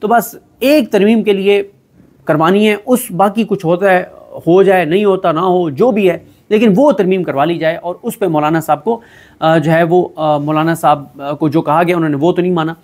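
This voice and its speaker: A man giving a solo political commentary. He talks in an animated, emphatic way, often pausing with fillers. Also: sits high. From Pakistan.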